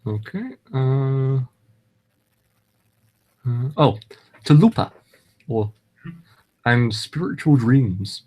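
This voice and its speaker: A man's voice: medium pitch, lively intonation, extremely slow, long pauses, darkish tone. A man hosting a casual podcast, rambling and hesitant with frequent ums and restarts. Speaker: podcast host. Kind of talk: casual chat.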